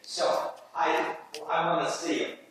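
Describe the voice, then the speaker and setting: A man's voice: on the high side, flat delivery, slow, fairly bright tone. A man directing actors at a rehearsal, encouraging and hands-on, often repeating himself. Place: rehearsal stage. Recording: echoey room from far off, background noise.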